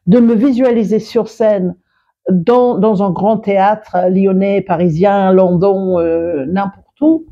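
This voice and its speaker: Slow, husky woman speaker, lo-fi sound. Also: mid-range voice. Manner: expressive, quick to laugh, many restarts. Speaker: public speaker and coach. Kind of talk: interview conversation.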